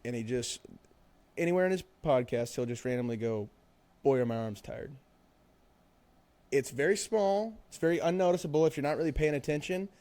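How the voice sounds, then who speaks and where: A man's voice: fairly high pitch, fast, a little mellow. Casting: young man, loose rambling podcast host, swears freely, leans on filler words. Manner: rambling, profane, full of fillers. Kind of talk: casual chat.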